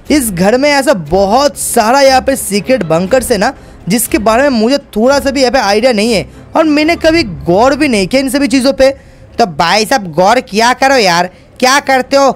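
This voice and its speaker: A man's voice: very high-pitched, expressive, normal speed. A man narrating a game role-play in a chatty way, talking straight to his viewers. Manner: chatty, addresses viewers, repeats fillers. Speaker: gaming YouTuber narrating as Franklin.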